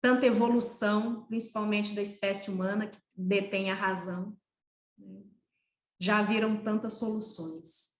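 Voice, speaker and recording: A woman's voice: mid-range voice, steady tone, unhurried. Earnest woman speaking in an echoey room. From Brazil. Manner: earnest, poetic and emphatic. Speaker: veterinarian guest. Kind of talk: reflective interview talk. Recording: roomy echoey sound.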